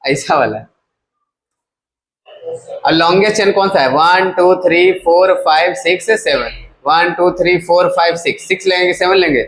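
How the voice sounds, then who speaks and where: A man's voice: sits high, normal speed, pauses often, fairly bright tone, a little hiss or hum, rough recording. A male chemistry teacher giving a casual classroom lecture who keeps asking his students to repeat each term back to him. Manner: casual, coaxing teacher talk.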